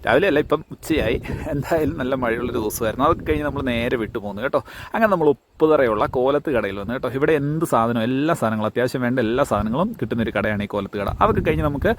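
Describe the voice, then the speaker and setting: A man's voice: medium pitch, lively intonation, rapid-fire. A man with a central Kerala accent from Idukki, narrating a casual daily vlog in a chatty way and mixing English words into his Malayalam. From Kerala, India. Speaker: vlog host. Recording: clearly noisy background with clicks.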